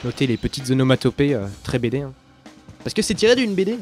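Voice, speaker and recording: A young man casually commenting on a shooter game as he plays, rambling, losing his thread and filling pauses with many hesitations. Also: mid-range voice, sing-song. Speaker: let's play commentator. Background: game sounds and music.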